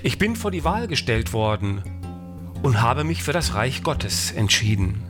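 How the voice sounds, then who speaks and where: A man's voice: medium pitch, sing-song, unhurried. A man reading the quoted words of a dying male prophet in a solemn, murmured voice. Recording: music playing behind.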